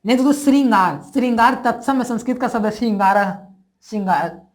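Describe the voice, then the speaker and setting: A woman's voice: on the high side, a little fast. A woman teaching a grammar lesson, who repeats each word and keeps asking her viewers questions.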